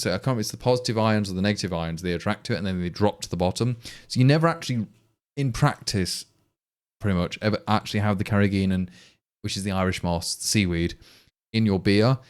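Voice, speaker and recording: Talking a little fast in a clean, lowish voice, an English livestream programmer with an East Midlands accent addresses his viewers casually. His chat is rambling and exasperated, full of restarts.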